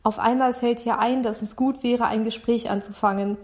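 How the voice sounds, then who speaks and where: Woman reading a novel out loud, fairly high voice, steady, redoes lines. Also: moderate pace. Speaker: narrator.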